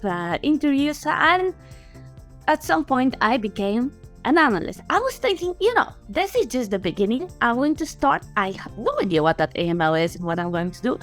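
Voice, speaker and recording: Woman in her 30s, chatty and lively, kinda high voice, laughs a lot, video call. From Bulgaria. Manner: animated and chatty, laughs often. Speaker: guest, sanctions compliance specialist. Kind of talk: interview answers.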